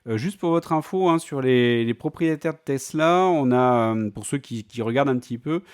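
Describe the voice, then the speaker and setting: A man's voice: mid-range voice, normal speed, clear, resonant tone. A man talking casually in a vlog, chatty and full of fillers and restarts. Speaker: vlogger.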